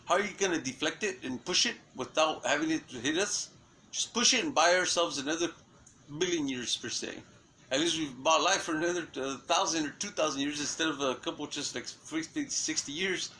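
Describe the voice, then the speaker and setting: A man's voice: on the high side, brisk, bright, forceful tone, slight background noise, low-quality recording. A man in an unscripted monologue, rambling through restarts and fillers and swearing often. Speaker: self-styled messenger giving a prophecy.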